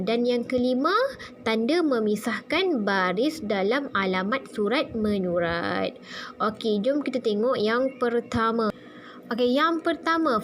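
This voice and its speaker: A woman with a Malaysian Malay accent teaching a recorded online lesson, patiently repeating key points with many fillers. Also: fairly high pitch.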